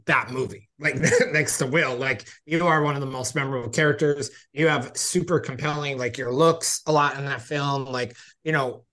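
A man's voice: mid-range voice, steady tone, moderate pace, few pauses, sharp tone. Rambling man in his forties hosting. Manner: rambling, lots of "like" fillers. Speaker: host. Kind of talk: interview chat.

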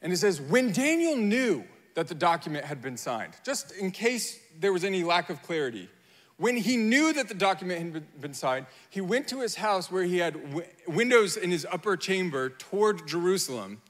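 A man preaching a sermon in a lively storytelling manner, acting out the people of a Bible story in their own voices. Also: sits high, moderate pace, long reverb tail. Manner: animated storytelling, acting out Bible figures in quotes. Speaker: pastor.

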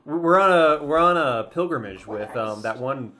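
An animated, mid-pitched player chats casually around a tabletop game, with other people talking behind. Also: moderate pace. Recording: group chatter behind.

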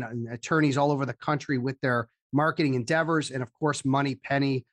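A man's voice: medium pitch, no echo. A man hosting a podcast in a casual, jokey, informal interview style. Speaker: podcast host.

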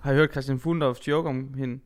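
A man's voice: mid-range voice, fairly even intonation, smooth. A man with a Danish accent in a podcast chat, rambling through a crude joke. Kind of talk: casual chat.

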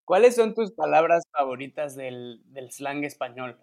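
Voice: mid-range voice, lively intonation, a little slow, a little mellow. An interviewer asking short, direct questions.

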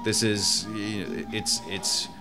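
A man's voice: lowish voice, steady tone, slow pace, over music. A man who was born in Mexico, talking in a rambling, casual way as a guest about food and cooking. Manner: rambling, many restarts and fillers. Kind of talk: casual conversation.

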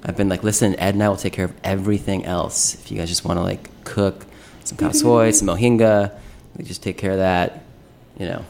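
A man's voice: sits low, fairly even intonation, fairly quick, gravelly, darkish tone, a little hiss or hum. A man guest on a podcast, talking casually and hesitantly, with many fillers.

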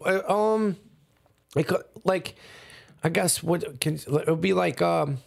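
Guy rambling through a story, kinda high voice, lots of gravel, swears a ton, says like every other word. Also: takes it slowly. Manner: rambling storyteller, heavy swearing and many fillers. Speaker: podcast guest telling a story. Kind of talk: casual chat.

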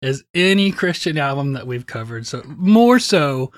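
A man co-hosting a casual podcast, sardonic and deadpan, with some swearing. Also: mid-range voice, unhurried, dry recording, clean studio sound. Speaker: podcast co-host.

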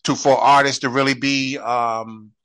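A man's voice: mid-range voice, little pitch movement, fairly bright tone, smooth, no room sound. A male podcast host, chatting in a friendly, slangy way. His voice is recorded dry and close, with no room sound. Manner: friendly, slangy, quick affirmations. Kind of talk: casual interview.

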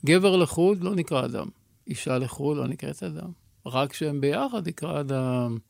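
Male rabbi guest, measured teacher's delivery, dry close studio voice. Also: fairly high pitch, vocal fry, darkish tone, no room sound. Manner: measured, teacherly, asks rhetorical questions. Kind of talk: explaining Kabbalah teachings.

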